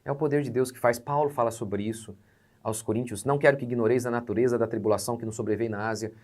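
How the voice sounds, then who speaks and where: A man's voice: mid-range voice, steady tone, fast talker, darkish tone. A Brazilian man in his forties, a pastor teaching in a sermon, emphatic, posing rhetorical questions and swelling on key words. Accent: Brazilian Portuguese. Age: 40s.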